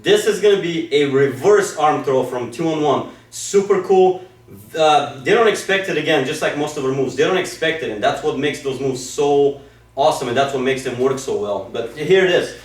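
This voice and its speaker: A man's voice: a little high, lively intonation, normal speed, far from the mic. A man coaching wrestling moves in a demo, enthusiastic and full of "okay?" and "super" as he talks students through each step. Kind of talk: instructional technique demo. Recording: echoey room, speaker off-mic.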